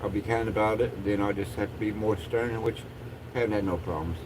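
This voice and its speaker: A man's voice: on the low side, fairly even intonation, fast talker, noisy background. A man chatting casually as a livestream host in a laid-back, rambling stoner drawl.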